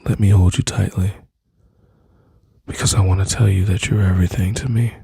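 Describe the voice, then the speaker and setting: A man speaking slowly and intimately into a close mic, soothing and reassuring, often dropping to a whisper. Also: low-pitched, fairly even intonation, gravelly, mellow, slightly rough, no room sound. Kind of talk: soft-spoken ASMR comfort roleplay.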